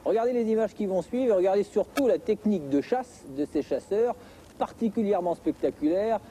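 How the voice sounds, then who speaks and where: High-pitched, very dark-toned male TV presenter. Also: brisk, a little hiss or hum. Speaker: TV presenter introducing a report. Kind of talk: scripted TV presenting.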